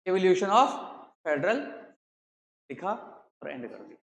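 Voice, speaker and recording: A man teaching a class, constantly quizzing students with rhetorical questions, recorded in a large classroom. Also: sits high. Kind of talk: classroom lecture. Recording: echoey hall with long reverb.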